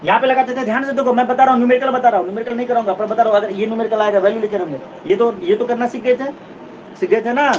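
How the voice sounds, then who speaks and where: A man teaches physics in a classroom lecture, explaining step by step, repeating key points and checking that students follow. His voice is extremely high and very fast with fairly even intonation, and the classroom recording is distant, dull and noisy.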